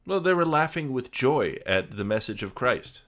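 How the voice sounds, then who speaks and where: A man's voice: mid-range voice, moderate pace. A man hosting a podcast, joking dryly and reading a story aloud with plenty of fillers. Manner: dry, deadpan joking with many fillers. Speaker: podcast host. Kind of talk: casual chat and read-aloud.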